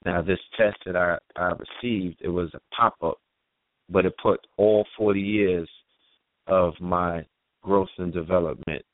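A man in his forties hosting a radio talk show, speaking in a relaxed, laid-back way with drawn-out phrasing. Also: deep voice, no echo. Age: 40s. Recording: dry phone-line call audio.

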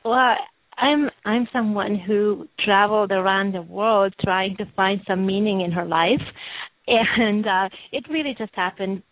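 A woman's voice: mid-range voice, unhurried, no echo. Woman from Hungary on a phone line. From Hungary and Romania. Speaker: guest. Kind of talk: interview answers.

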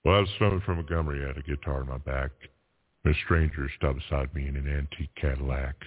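A man calling in to a radio show over a phone line, reciting a poem and chatting with halting fillers. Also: a bass voice, fairly even intonation, no room sound. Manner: halting, many fillers and restarts when chatting. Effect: heard over a phone line on a radio call-in show. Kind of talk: poetry recitation and casual chat. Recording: tinny phone line, dry.

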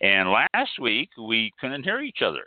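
A man's voice: mid-range voice, huge pitch swings, measured pace, no room sound. A man hosting a live radio wine show, chatting casually and laughing now and then. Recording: phone-line sound.

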